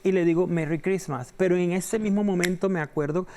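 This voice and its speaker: A middle-aged man from Venezuela tells stories as an interview guest, his voice sitting a little high for a man. He acts out every character in his anecdotes, his pitch leaping up whenever he quotes someone. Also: a little fast, mellow, slight background noise. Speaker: entertainment reporter, interview guest. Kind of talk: animated storytelling in an interview.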